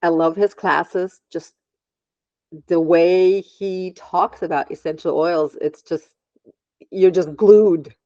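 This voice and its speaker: Lady with a low voice, lots of ums, a bit muffled. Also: steady tone, takes it slowly, no echo. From Germany. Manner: hesitant, many ums, laughs often. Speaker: podcast guest, aromatherapist. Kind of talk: casual interview chat.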